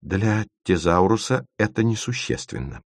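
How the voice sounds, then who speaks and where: A determined young woman who presses her case and slips into cold official phrasing, read by a man. The voice sits low, and the recording is close and dry. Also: big pitch swings, moderate pace, creaky, no room sound, heavily acted. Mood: insistent. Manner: insistent, turning cool and formal. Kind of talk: audiobook reading.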